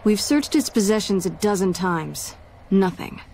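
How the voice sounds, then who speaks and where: A female military police officer speaks in dry game dialogue at a medium pitch. She is no-nonsense, wry and matter-of-fact. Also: lively intonation, measured pace, a little mellow, a little hiss or hum.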